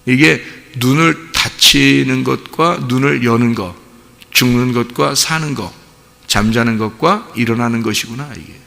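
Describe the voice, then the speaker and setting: A male pastor preaches an impassioned sermon, asking rhetorical questions and now and then acting out pleading voices. His voice is gravelly and bright. It rings with the long reverb of a church sanctuary. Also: mid-range voice, a little slow.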